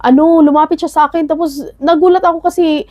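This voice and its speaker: Halting woman recounting hardship, high voice. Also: steady tone, dark tone, no room sound, studio quality. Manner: halting, searching for words with many fillers and restarts. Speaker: interview guest, single mother. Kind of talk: emotional personal testimony.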